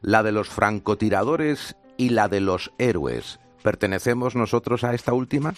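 A man's voice: fairly low pitch, animated, moderate pace, faint music behind. A man interviewing a guest on the radio, asking questions courteously and playfully.

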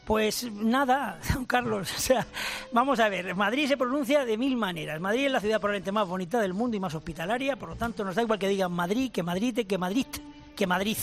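Older man, high-pitched, emphatic professorial radio guest, faint music under. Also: expressive, a little fast. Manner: emphatic, explanatory, addresses host formally. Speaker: language professor and author.

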